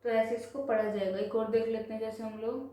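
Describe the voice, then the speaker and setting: Echoey woman teaching math slowly. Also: on the high side, steady tone, mellow. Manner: patient, repetitive, slows to spell out numbers. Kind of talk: classroom math lesson. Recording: echoey room.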